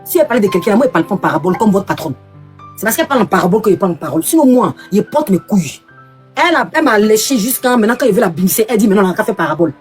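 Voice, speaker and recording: A woman's voice: mid-range voice, expressive, rapid-fire, darkish tone, faint music behind. A woman hosting a live stream, ranting combatively at her critics and repeating her points. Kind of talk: heated live stream rant.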